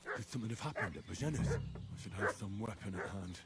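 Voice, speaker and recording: A man's voice: fairly low pitch, expressive, quick pace, heavy background noise. An actor playing a cautious, watchful man in a video game, muttering warily to himself. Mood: wary. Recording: game audio under loud music.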